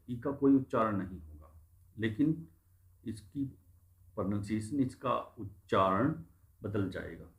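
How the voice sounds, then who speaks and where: A man's voice: on the low side, echoey room. A man teaching English pronunciation in Hindi. He spells words out letter by letter and then explains what they mean. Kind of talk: Hindi-language pronunciation lesson.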